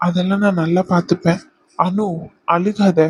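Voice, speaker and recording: A woman voicing a gentle young newlywed husband in a cartoon, soft and reassuring. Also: lowish voice, level tone, normal speed, slight background noise, natural voice. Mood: mild.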